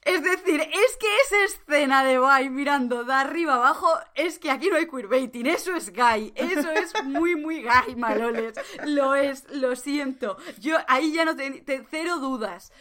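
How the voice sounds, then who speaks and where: A woman gushes through a casual series recap, laughing easily. Her voice sits a little high. She talks with an excitable, chatty energy. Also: moderate pace, hardly any pauses. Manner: excitable, gushing, laughs often. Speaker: podcast co-host.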